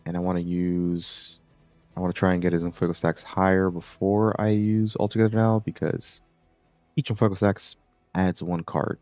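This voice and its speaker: A man giving relaxed, rambling commentary while playing a video game, with plenty of filler words. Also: low voice, normal speed, dry recording, soft background music. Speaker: gameplay commentator. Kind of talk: casual gameplay commentary.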